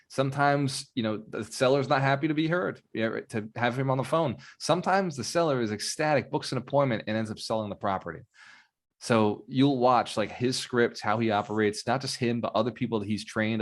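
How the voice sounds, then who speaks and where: A man hosting a live online Q&A call as a real estate mentor, talking in an upbeat, rambling way with fillers like "man" and "you know". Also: on the low side.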